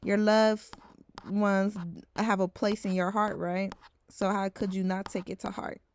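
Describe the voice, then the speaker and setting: A woman's voice: medium pitch, little pitch movement, measured pace, darkish tone, a little hiss or hum. A woman around twenty, talking frankly in a casual vlog, swearing now and then and saying "like" a lot. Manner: heavy use of filler "like". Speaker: vlogger.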